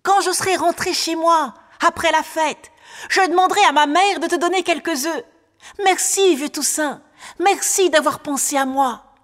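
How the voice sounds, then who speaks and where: A woman's voice: on the high side, unhurried, long pauses, voice pushed up. A woman voicing a trusting, eager little peasant boy in a storybook reading. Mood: grateful. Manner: bright, chattering, innocent. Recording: long hall reverb.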